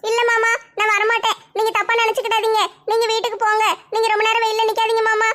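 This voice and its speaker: A woman's voice: very high-pitched, monotone, fast, a bit bright. A woman playing an aggrieved young wife who pleads and complains in a family drama skit. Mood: refusing. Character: hurt, stubborn young wife, a daughter-in-law.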